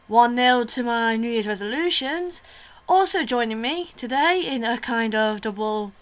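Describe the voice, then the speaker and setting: A bright, forward-sounding woman talks to camera as the host of her own review vlog. She is chatty and opinionated, with plenty of fillers and asides. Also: fairly high pitch. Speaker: vlogger host. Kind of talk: casual video review chat.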